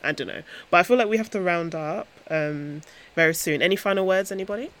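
A woman's voice: fairly low pitch, fast talker, a bit bright. A woman hosting a casual podcast, retelling things conversationally and quoting dialogue as she goes. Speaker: podcast host.

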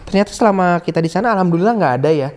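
A man co-hosting a casual podcast chat, relaxed and a little hesitant. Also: sits high, rapid-fire. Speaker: podcast co-host.

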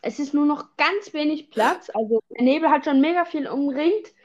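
High, teasing young woman host, muffled mic. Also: normal speed. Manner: teasing, exclaiming, slangy. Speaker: podcast host. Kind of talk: casual chat while gaming.

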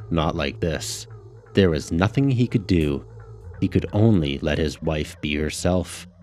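Male narrator, very low voice, measured audiobook read, faint music under. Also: darkish tone. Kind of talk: scripted narration.

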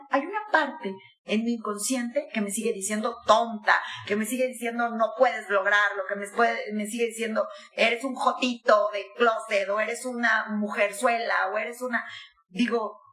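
Older woman guest, lively advice talk, bright higher voice, echoey room. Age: 60s. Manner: animated, acts out quoted voices.

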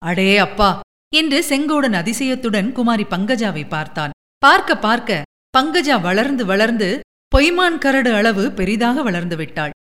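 A woman narrating a story aloud in a steady, measured way. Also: a little high. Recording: long echoing reverb.

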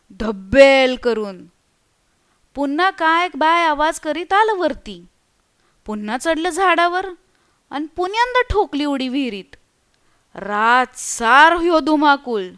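Reading from a storybook, a woman puts on a full, high-pitched character voice as a scared village man. He recounts a ghost story in a hushed, stammering, earthy way.

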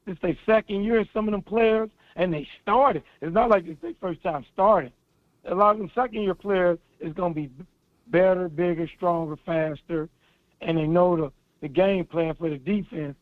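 A man speaks over a tinny phone line in a high voice. He is an eager football fan calling in, talking in loose slang. The line is dry and narrow. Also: normal speed, dry recording. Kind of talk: casual sports chat.

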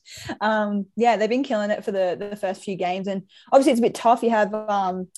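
Casting: woman, twenties, Queensland Australian accent, mid-pitched, informal conversational athlete in a casual interview. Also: normal speed, darkish tone. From Brisbane, Australia. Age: 20s. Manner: informal, chatty. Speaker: professional soccer player, interview guest. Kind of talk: casual chat.

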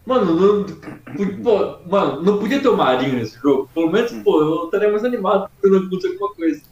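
Dude on a call with his audio echoing, phrases bouncing back, high voice, muffled sound. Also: big pitch swings, quick pace, a little mellow. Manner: loose, jokey, swears casually. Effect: his audio echoes back with the phrases repeating. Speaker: co-host watching a football match. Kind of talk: casual chat over a call. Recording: echoey, dull lo-fi call audio.

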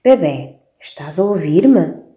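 A woman voicing a doting grandfather in a lower, coaxing voice. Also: big pitch swings, takes it slowly, mellow, heavily acted. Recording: roomy echo.

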